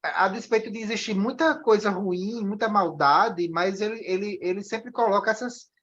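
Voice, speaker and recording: A man's voice: high voice, normal speed, a bit bright, muffled recording. A man moderating a discussion after a film screening, talking with many restarts and "né?" tags.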